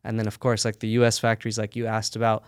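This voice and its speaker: A man who runs a sock company, talking through his business in a relaxed, practical way during an interview. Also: fairly low pitch, quick pace, no room sound, studio quality. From United States. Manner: relaxed, practical, talks in run-on explanations. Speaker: sock company owner, guest. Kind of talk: casual interview conversation.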